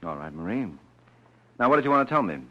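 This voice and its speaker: A man's voice: mid-range voice, big pitch swings, fast, bright, forceful tone. A man playing a self-assured private detective in an old radio crime drama, sardonic and bantering. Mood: wry. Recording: muffled vintage radio recording.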